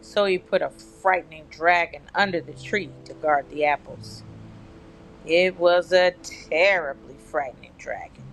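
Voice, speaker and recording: A woman reading a children's picture book at bedtime in a measured, expressive storytelling manner. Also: lowish voice, poor audio. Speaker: storyteller, channel host.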